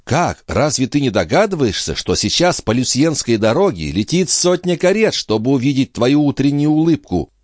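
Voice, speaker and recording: A man's voice: medium pitch, sing-song, moderate pace, hardly any pauses, no echo, clean studio sound, pitched above the performer's own voice. A man reading an audiobook, voicing a sensible, lightly mocking female companion. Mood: coaxing. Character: grown woman, the countess's teasing, sensible companion.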